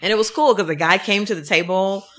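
A woman's voice: medium pitch, fast talker, a loud crowd. A woman hosting a podcast with casual interview chat and a playful, teasing way of talking. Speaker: podcast host.

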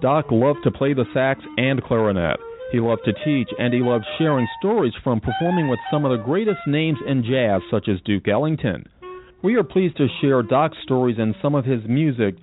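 A man's voice: medium pitch, animated, moderate pace. A man hosting a travel show, reading scripted segment introductions in an announcer-like way. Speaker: radio travel show host. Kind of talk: scripted narration. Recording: tinny lo-fi audio with music behind.

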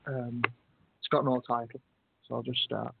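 A tired man in pain calling in to a radio show over a phone line, soft-spoken with small laughs. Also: mid-range voice, little pitch movement, moderate pace, creaky, noisy background. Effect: caller heard over a phone line. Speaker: international caller reading poetry.

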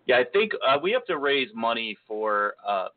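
A man hosts a podcast in casual conversation, his mid-range voice sing-song and moderately paced. He jokes and pokes fun at himself, and the audio comes through tinny, as if over a phone.

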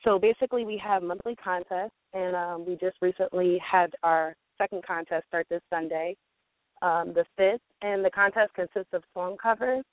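A woman's voice: fairly low pitch, moderate pace, no room sound. A woman comes through a narrow, phone-like line that sounds dry and close. She is a marketing guest on a radio interview. She talks in a loose, chatty way, with frequent ums. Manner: chatty, with many ums and fillers. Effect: heard over a phone line. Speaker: guest from a music platform's marketing team.

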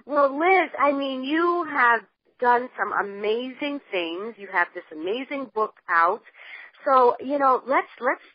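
Gushy woman host, a bit husky, lots of ums, muffled dry phone line. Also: high-pitched, animated, takes it slowly, no echo. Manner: bubbly, gushing, many fillers. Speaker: interview host. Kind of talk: phone interview hosting.

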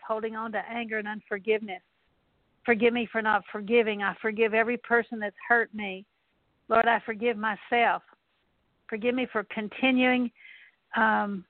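One woman, higher-pitched, earnestly repeats confessions as she leads a spoken repentance prayer. The sound is dry and tinny, as if over a phone, without any echo.

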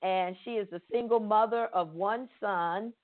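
A woman's voice: medium pitch, a little slow. Earnest woman host on a tinny line. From Pensacola, Florida. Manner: earnest and enthusiastic, repeating words for emphasis. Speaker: podcast host. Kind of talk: hosting a faith-based podcast interview. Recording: tinny phone-like sound.

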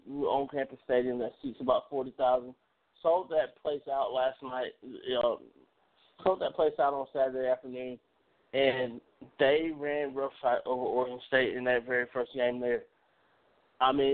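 A male sports talk radio host chatting casually about the fights and college football, rambling and repeating words. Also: mid-range voice. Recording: phone-like narrow band.

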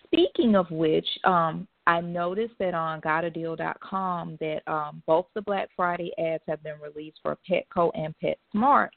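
Woman, show host, casual chat, medium pitch, tinny phone-like sound, dry. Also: unhurried, vocal fry, hardly any pauses, dry recording. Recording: tinny phone-line internet radio.

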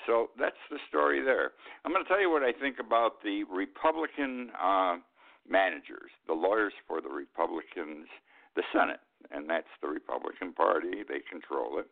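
A man with a low-pitched voice hosts his own talk radio show, slightly out of breath as he starts. He rambles frankly through his opinions in casual commentary. The sound is thin and tinny, like a phone line. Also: lively intonation, normal speed, vocal fry. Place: Key West, Florida.

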